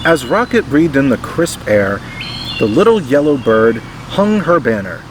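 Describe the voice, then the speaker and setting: A man reading a children's picture book aloud in expressive scripted narration. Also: medium pitch, a little slow, noisy background. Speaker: storybook reader.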